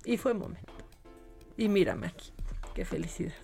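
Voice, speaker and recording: A woman's voice: on the low side, very animated, moderate pace, gravelly, dark tone, soft background music. A Mexican woman co-hosting a show, chatting and telling stories with playful banter. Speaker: co-host. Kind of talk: casual chat.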